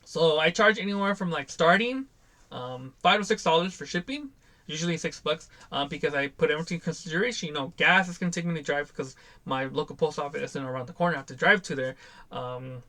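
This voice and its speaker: Young adult man, casual vlog host, exasperated, slightly high voice, lively quoted asides. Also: quick pace. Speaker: toy seller and channel host.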